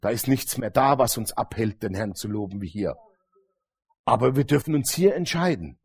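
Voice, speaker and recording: Lively husky-voiced male preacher. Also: medium pitch, normal speed. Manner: animated, storytelling, frequent Amen calls to the congregation. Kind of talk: sermon.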